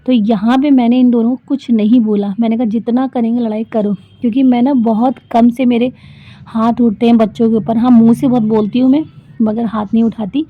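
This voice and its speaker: A woman's voice: on the high side, steady tone, a little fast, no room sound. A woman in her thirties, a vlogger and homemaker, talking in a chatty, rambling way full of fillers as casual vlog voice-over. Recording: dry, thin phone-like sound.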